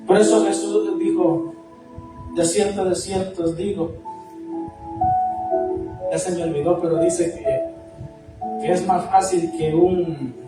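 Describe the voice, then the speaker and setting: A man preaching a testimony sermon as an evangelist, impassioned and repetitive, building up to shouts. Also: high voice, fairly even intonation, slow pace, long pauses. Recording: echoey far-off hall with music. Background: music.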